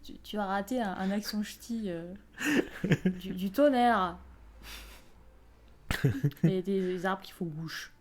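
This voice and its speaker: A woman's voice: mid-range voice, takes it slowly, pauses often, darkish tone. A woman co-hosting a video game stream, bantering playfully with teasing, self-mocking jokes. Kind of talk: casual let's-play banter.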